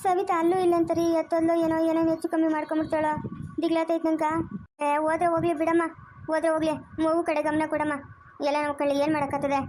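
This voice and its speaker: A rural village wife with a Chikkaballapur Kannada accent, played by a woman, speaks in a very high voice. She talks fast and with feeling, scolding and pleading in a family drama. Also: little pitch movement, darkish tone, a little hiss or hum.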